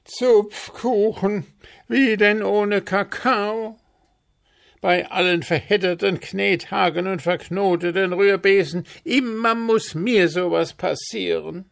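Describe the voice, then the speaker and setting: A man's voice: mid-range voice, a little slow, darkish tone, pitched above the performer's own voice, lightly acted. A man voicing a fussy, easily flustered male gnome baker who grumbles, in a storybook reading.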